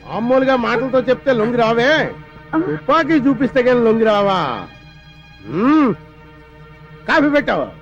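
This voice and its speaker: An actor playing a hot-tempered, bossy police inspector who barks threats in a film comedy. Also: male voice, very high-pitched, moderate pace, long pauses. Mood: exasperated. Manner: shouting threats, exasperated. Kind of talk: Telugu film comedy acting. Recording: dull film soundtrack with faint music.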